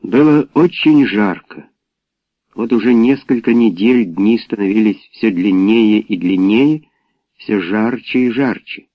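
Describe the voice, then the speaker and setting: A man reading a novel aloud in a low voice. The sound is close and dry. The recording is dull and lo-fi. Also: measured pace, no echo. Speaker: audiobook narrator. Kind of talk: scripted narration.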